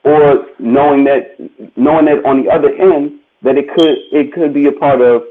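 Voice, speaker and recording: A man's voice: fairly high pitch, fairly even intonation, moderate pace. A man on a talk show panel, weighing in thoughtfully and circling back to rephrase his points. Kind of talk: casual talk show discussion. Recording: tinny phone-like call audio.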